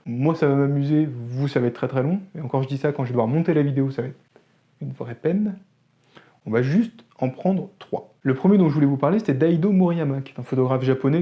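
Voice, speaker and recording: Mellow, higher-pitched man speaking to camera. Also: muffled recording. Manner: opinionated, with wry joking asides. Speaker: photography channel host. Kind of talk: casual talk to camera.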